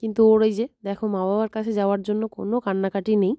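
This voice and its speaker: Here the Bengali-accented woman speaks flatly and rapid-fire, and the recording is dry and muffled. Filming her home life on a handheld phone for a casual family vlog, she shifts into high, sing-song cooing for a baby and keeps things quiet and low in the morning.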